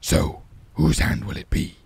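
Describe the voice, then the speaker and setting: A man voicing a huge, proud and suspicious male wolf, with slow, menacing, drawn-out words and growled hums. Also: a little mellow, in a whisper, lightly acted. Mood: defiant. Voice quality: deep growling gravelly voice.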